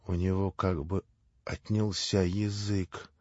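A male audiobook narrator reads a classic novel in a low, measured way. He speaks slowly and his voice is husky. The recording is dry and dull, with faint music behind him. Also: level tone, darkish tone, no room sound. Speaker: audiobook reader.

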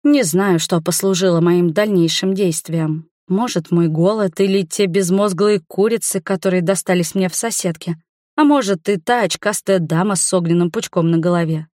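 Expressive woman reading an audiobook. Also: on the low side, normal speed, no room sound, studio quality. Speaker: audiobook narrator. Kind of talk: first-person audiobook narration.

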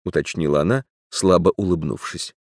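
A man narrating a literary audiobook in a measured, deadpan way. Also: deep voice, dry recording, studio quality.

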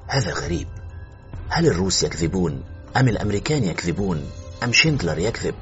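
A man narrating a suspense story as an audiobook, expressive and tense, in a slightly muffled recording with faint music. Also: low voice, quick pace.

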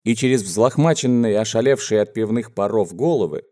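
A man reading a novel aloud as an audiobook narrator, in a measured, deliberate storytelling manner. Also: fairly low pitch, lively intonation, mellow. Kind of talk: dramatic literary reading.

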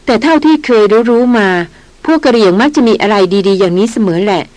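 A woman's voice: a little high, animated, fairly quick, darkish tone, no echo, natural voice, poor audio. A woman voicing a puzzled, musing male expedition leader in an audiobook. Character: wondering older brother, expedition leader.

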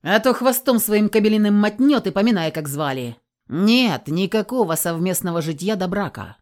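A woman voicing a gruff, bossy older male guardian who grumbles his orders in an audiobook. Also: medium pitch, lively intonation, normal speed, darkish tone, natural voice. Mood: grumbling stern.

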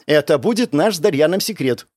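A man voicing a cheeky, bossy young dark-haired girl in an audiobook, teasing and quick. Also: fairly high pitch, expressive, dry recording, studio quality. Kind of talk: audiobook character voice.

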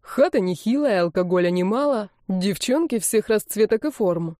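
A woman's voice: mid-range voice, moderate pace, dry recording, studio quality, close to an everyday voice. A woman voicing an exuberant, bossy young man who loves parties, in an audiobook. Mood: excited. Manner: bossy, excited.

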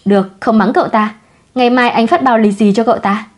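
A woman voicing a calm, devoted husband who answers in short, reassuring words. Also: a little fast, close to an everyday voice. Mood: tender. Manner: brief, low-key, reassuring.

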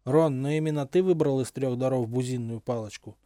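A man's voice: medium pitch, a little fast, dark tone, no echo, studio quality, close to an everyday voice. A man voicing a tired, exasperated young man in an audiobook.

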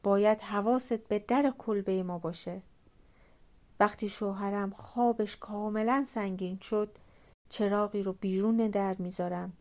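A woman voicing the giant's cautious wife in an audiobook folk tale, giving urgent, low warnings. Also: steady tone, warm tone, lightly acted. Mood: hushed.

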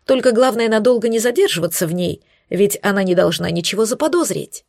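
A woman voicing a scornful, smug young female witch who mocks and threatens in slow, hissing tones, recorded dry and close. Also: mid-range voice, lively intonation, vocal fry, darkish tone, dry recording. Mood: sneering. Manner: mocking, hissing, drawn-out threats.

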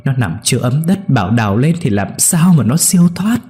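A shaken father stammering in fear, as a man puts him on, his husky voice pushed higher than the narrator's own. Faint music runs underneath. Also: moderate pace, a little mellow. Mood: frightened. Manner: stammering, frightened. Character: terrified middle-aged father.

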